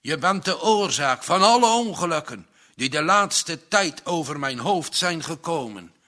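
A man voicing a furious, red-faced old farmer who shouts in rage, in a read-aloud story. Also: fairly high pitch, lively intonation, unhurried, pitched above the performer's own voice. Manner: shouting, raging.

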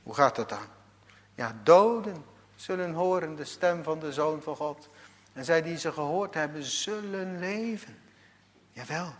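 Pastor preaching slow, high voice that jumps all over, big church echo. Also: male voice, expressive. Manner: emphatic, repeats words, swings between loud calls and quiet asides. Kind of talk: sermon. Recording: church hall reverb.

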